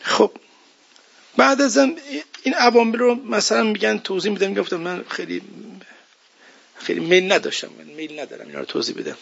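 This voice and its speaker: A man delivers a religious sermon in an emphatic, conversational style and keeps asking his listeners questions. His voice sits somewhat high for a man and is husky and gravelly. The recording sounds dull and lo-fi. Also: big pitch swings, a bit bright. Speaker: preacher.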